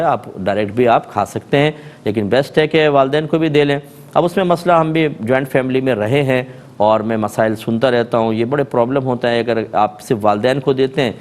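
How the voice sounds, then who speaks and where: A middle-aged man with a Pakistani Urdu accent answers viewers' religious questions on a TV show. He reads each question aloud, then explains his answer in an easy, conversational way. His voice sits at an ordinary pitch for a man. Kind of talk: televised religious Q&A. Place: TV studio.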